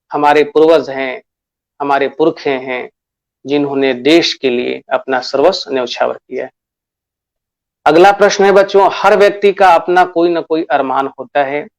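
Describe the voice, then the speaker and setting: Male teacher from Bihar, slightly high voice, unhurried classroom delivery with lots of repetition. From Bihar, India. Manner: slow and deliberate, addresses pupils as children; repeats key phrases and asks questions to himself. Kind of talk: classroom lesson.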